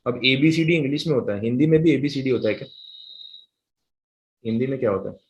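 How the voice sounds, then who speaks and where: A man teaching a live class, explaining at a casual pace and slowly dictating definitions word by word. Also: mid-range voice, echoey room, rough recording. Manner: switches between conversational talk and English reading.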